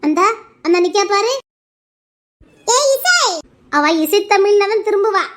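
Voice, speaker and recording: Brief: actress playing squabbling schoolgirls, quick teasing banter, very high voice. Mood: gossipy. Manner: bickering, teasing, quick back-and-forth. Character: chatty teenage schoolgirls gossiping after an exam. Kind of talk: audio drama acting.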